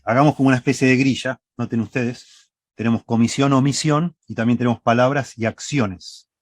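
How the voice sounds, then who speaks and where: A man with a Rioplatense Argentine accent preaches in church, teaching step by step and often checking in with the congregation with "¿sí?" His medium-pitched voice is fairly quick with fairly even intonation, and the studio recording is clean with no echo.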